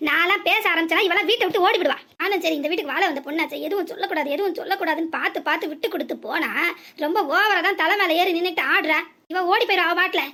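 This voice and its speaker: Give me a woman playing a bossy old village mother-in-law in a cartoon, with a southern Tamil accent and a bright, piercing voice. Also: very high voice, very fast, full character voice. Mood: indignant. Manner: scolding, long complaining rants. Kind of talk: cartoon voice acting.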